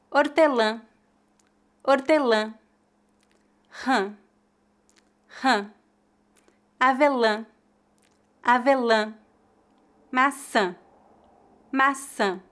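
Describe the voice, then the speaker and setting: A woman with a Brazilian accent teaching pronunciation, saying each model word twice slowly and clearly for learners to repeat. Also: high-pitched, a bit bright. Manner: slow, careful, clearly articulated model words. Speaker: Portuguese teacher. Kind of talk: pronunciation lesson, repeat-after-me drills.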